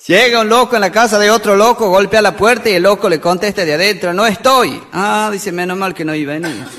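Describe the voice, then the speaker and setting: A man telling quick jokes between songs on stage, acting out the characters and laughing at his own punchlines. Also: sits high, a bit bright, a little hiss or hum. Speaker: folk comedian and singer. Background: music.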